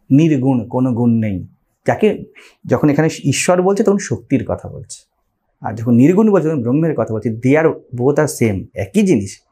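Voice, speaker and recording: A man's voice: mid-range voice, mellow. A man with a Bengali accent giving a spiritual lecture on scripture, explaining step by step and often checking with his listeners through rhetorical questions. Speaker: spiritual teacher.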